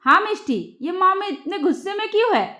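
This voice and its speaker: A puzzled young husband, as a woman narrator voices him, firing off quick, concerned questions. His voice stays high and rings in an echoey room. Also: sing-song, pushed and bright, heavily acted. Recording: roomy echo.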